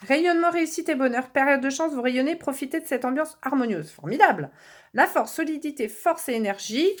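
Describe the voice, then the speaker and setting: Woman from France, casual reassuring card reader, slightly high voice, talks with many fillers. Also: expressive, a little fast. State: losing her voice. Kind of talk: casual card-reading guidance.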